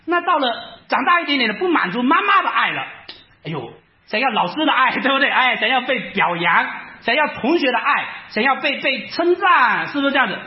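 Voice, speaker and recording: A man preaching a sermon, animated, asking rhetorical questions and acting out his listeners' doubts. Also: very high voice, fairly quick. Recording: echoey room, slightly dull sound.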